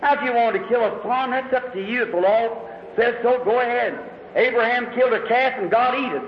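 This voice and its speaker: Man, very high voice, dramatic storytelling preacher, old lo-fi recording, echoing hall. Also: fairly quick. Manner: dramatic storytelling, rising to shouts. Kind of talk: sermon. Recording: echoey hall, dull lo-fi recording.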